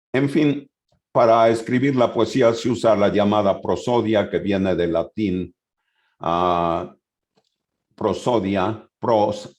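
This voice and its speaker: A man giving a conference lecture, reading passages from his notes and then explaining them loosely, with hesitant pauses. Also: deep voice, darkish tone.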